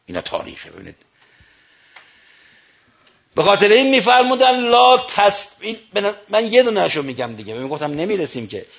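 Male preacher, sermon storytelling, raspy fry in the voice, hushed then booming, slow drawn-out recitations, dull lo-fi recording. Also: wildly swooping pitch. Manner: swings from hushed storytelling to loud declaiming.

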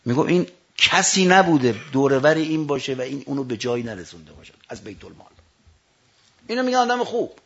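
A man preaching a storytelling sermon, swinging from hushed narration to loud declaiming, with slow drawn-out recitations. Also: mid-range voice, big pitch swings, vocal fry, breathy edge, dull audio.

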